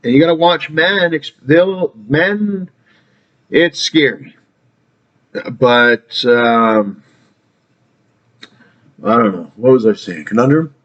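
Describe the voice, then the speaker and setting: A man's voice: medium pitch, slow, long pauses, fairly bright tone, dull audio. A man talking in a rambling casual monologue, trailing off and restarting, swearing casually. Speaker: vlogger.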